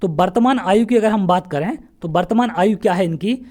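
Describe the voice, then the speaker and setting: Exam-prep math teacher from central India, mid pitch, patient question-and-answer delivery. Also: brisk, mellow. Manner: asks questions then answers them, step by step. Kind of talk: exam-prep lesson solving past paper questions.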